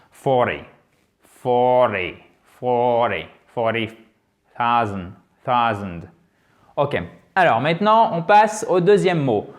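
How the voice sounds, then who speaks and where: A French man teaching English pronunciation in a lively, emphatic video lesson, repeating sounds to demonstrate them. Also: on the high side.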